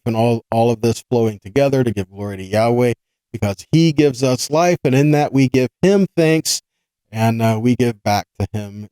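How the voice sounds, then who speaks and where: Here a man with a warm, medium-pitched voice hosts a weekly scripture study, teaching in a casual but earnest sermon style. He talks things through conversationally, asking rhetorical questions, checking in with his listeners and going back over key points. There's no echo, though the recording quality is low.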